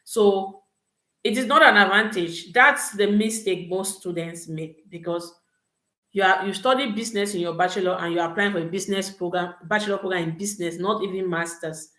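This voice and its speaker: A woman's voice: fairly low pitch, a bit bright. A young woman from Cameroon, hosting a live Q&A and giving advice with frequent "okay" and "all right" checks. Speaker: host answering study-abroad questions. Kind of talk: live Q&A chat. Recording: roomy echo.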